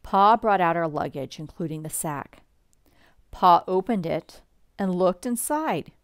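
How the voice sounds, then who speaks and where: Slow, expressive woman reading a bedtime story. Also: on the low side, no room sound, studio quality. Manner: slow, expressive reading with lively shifts for quotes. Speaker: storybook reader. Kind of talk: bedtime story read-aloud.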